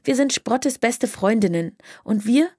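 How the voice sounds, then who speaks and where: A woman's voice: a little high, lively intonation, measured pace, warm tone, breathy edge, no room sound, studio quality, pitched above the performer's own voice. Woman doing an earnest young girl. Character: warm, brave young girl caring for a baby.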